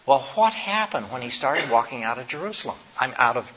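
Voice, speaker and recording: A man's voice: mid-range voice, very animated, brisk, sharp tone. A man presenting health education to a group, praying, telling a Bible story, and then quizzing his listeners with questions. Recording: slightly dull recording, faint noise.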